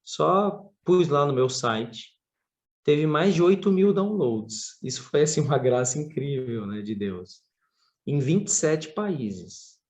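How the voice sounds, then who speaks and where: A man from Brazil, a podcast guest and surf instructor telling stories in a casual interview, his pitch jumping up expressively. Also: animated, slow pace, darkish tone, muffled recording.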